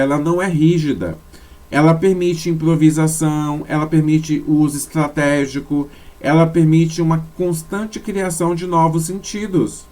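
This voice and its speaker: Fairly high-voiced man teaching over slides. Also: darkish tone. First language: Portuguese. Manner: explanatory, with frequent tag questions and self-corrections. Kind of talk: spoken lecture over slides.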